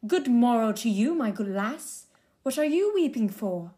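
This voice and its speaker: A sly, hobbling little storybook dwarf, put on by a woman reading aloud, his voice pitched high and strangely pinched. He stretches his words into a slow, wheedling sing-song as he haggles. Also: expressive, mellow, slightly rough.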